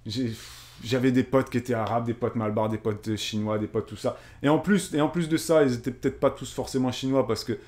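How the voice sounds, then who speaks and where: A man's voice: mid-range voice, steady tone, brisk, darkish tone. Man from Réunion musing to his chat. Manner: earnest, musing, thinking aloud in long winding sentences. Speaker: streamer and co-host. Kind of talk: casual live-stream chat, answering viewer comments.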